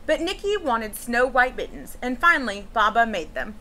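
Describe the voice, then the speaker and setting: A woman reading a picture book to young students as a teacher, in an expressive storytelling style with chatty asides. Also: fairly high pitch, moderate pace. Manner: animated, with asides and questions to children. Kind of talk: expressive children's read-aloud storytelling.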